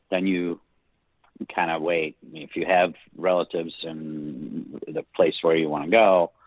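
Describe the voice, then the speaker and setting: Middle-aged man, Hungarian accent, interview guest, hesitant pauses, tinny line. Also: extremely low pitch, no room sound. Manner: halting, many restarts and ums. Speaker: guest screenwriter. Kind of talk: relaxed interview storytelling. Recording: dry tinny phone-like line.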